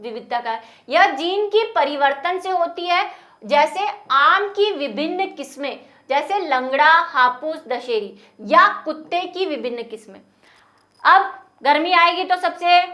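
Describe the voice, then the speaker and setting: A young woman with a high, light voice gives a classroom biology lecture. She explains each point patiently and keeps stopping to ask her students rhetorical questions. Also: sharp tone. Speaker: biology teacher.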